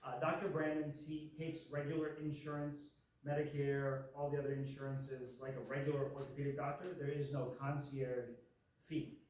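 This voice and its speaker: A man's voice: medium pitch, level tone, moderate pace, a little mellow, slight background noise. Man moderating a clinic talk, echoey. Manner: friendly, promotional, smooth. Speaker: practice representative and moderator. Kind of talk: informational presentation. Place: large echoey room. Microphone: distant from the mic. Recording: echoey room from far off, faint ambience.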